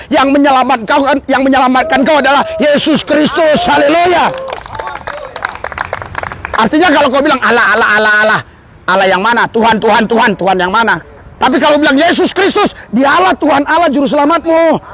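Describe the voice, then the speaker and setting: Fervent male preacher, very high voice, shouts at peaks, faint background hiss. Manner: fervent, rising to shouts, calls for hallelujah. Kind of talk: sermon.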